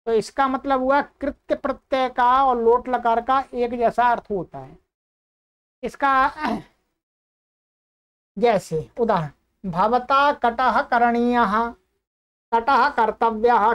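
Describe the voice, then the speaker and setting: A woman's voice: fairly high pitch, muffled recording. Woman teaching Sanskrit grammar. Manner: slow, drawn-out recitation of Sanskrit examples; asks and answers her own questions. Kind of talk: explanatory lesson.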